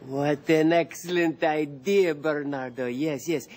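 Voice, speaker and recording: A man's voice: fairly high pitch, steady tone, unhurried, a little mellow, a little hiss or hum, lightly acted. An actor playing a bumbling young Italian man in a comedy film, with a hammy fake Italian accent. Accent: put-on Italian. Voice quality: bad exaggerated accent. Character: goofy male Italian restaurant son, bumbling.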